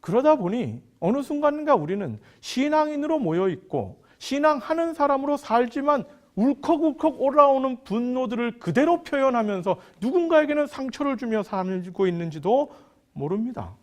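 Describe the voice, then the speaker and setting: Male pastor preaching, highish voice that jumps all over, acts out the bible quotes. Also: big pitch swings, moderate pace. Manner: preaching with dramatic pitch swings, quoting scripture. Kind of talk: sermon.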